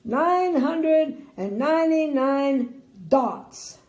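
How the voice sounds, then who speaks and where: A woman's voice: high-pitched, takes it slowly, vocal fry, full character voice. Older woman putting on a grand, proclaiming storybook king. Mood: grandly announcing. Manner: loud, formal announcing. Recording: roomy indoor echo.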